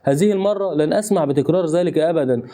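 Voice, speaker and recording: A man's voice: on the high side, racing, dark tone, close to an everyday voice. A man voicing a determined young male heir within a recap, speaking earnestly and resolutely. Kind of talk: recap narration voicing a character.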